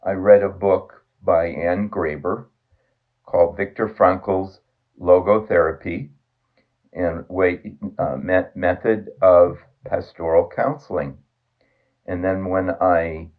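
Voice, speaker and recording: A man interviewing a guest, telling his story in an earnest, measured way. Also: low voice. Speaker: interviewer, financial advisor. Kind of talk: conversational interview. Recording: tinny phone line.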